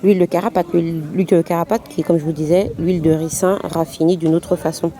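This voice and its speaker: A woman's voice: lowish voice, fairly even intonation, fast talker, mellow. A woman vlogging casually on holiday, explaining things in a chatty way while filming with a handheld camera outdoors. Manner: chatty, explains while walking, laughs often. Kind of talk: casual travel vlog.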